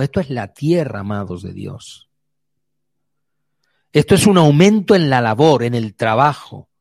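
A man preaching a sermon, vivid, moving between quick runs and slow emphatic words. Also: a little high, no room sound, clean studio sound.

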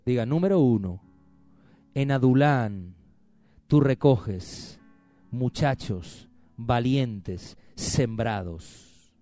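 A man's voice: mid-range voice, lively intonation, very slow, long pauses, dark tone, no room sound, soft background music. A man preaching a sermon with rising fervor, calling the congregation to repeat after him. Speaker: pastor.

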